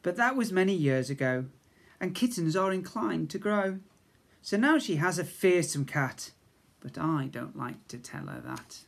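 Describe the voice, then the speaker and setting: A British infant school teacher in his fifties reads comic rhymes to young children, expressively and with chatty asides. His voice is high, gravelly and lively in intonation, a little slow, recorded in a small school office on a device camera held at arm's length.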